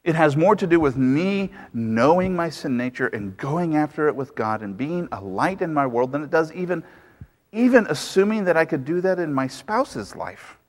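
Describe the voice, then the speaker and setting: A man's voice: on the high side, lively intonation, moderate pace. A man preaching a sermon as pastor, emphatic and full of rhetorical questions. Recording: long hall reverb.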